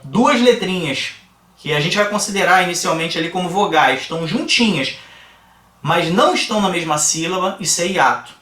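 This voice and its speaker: A man with a Brazilian Portuguese accent teaching a grammar lesson, explaining slowly and asking the class rhetorical questions. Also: a little high, bright, forceful tone, distant mic. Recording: echoey room, voice a bit off-mic.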